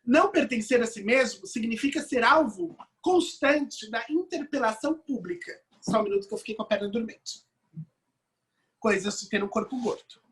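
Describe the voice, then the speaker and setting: Husky-voiced Brazilian woman lecturing. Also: fairly high pitch, lively intonation, moderate pace. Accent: Brazilian Portuguese. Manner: reflective, rhetorical questions with frequent tag questions. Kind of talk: online course lecture.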